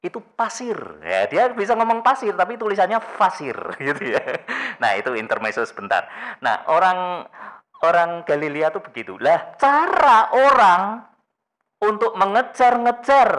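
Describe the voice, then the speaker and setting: A man's voice: high voice, a bit bright. A male pastor preaching a sermon, telling a story with rhetorical questions and humorous asides.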